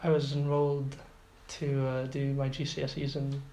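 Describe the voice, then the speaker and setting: This Iraqi man in his twenties, appearing as an interview guest, has a warm, medium-pitched voice with a completely flat delivery and moderate pace. His casual interview talk is hesitant, full of fillers and restarts, captured with roomy echo and faint background noise.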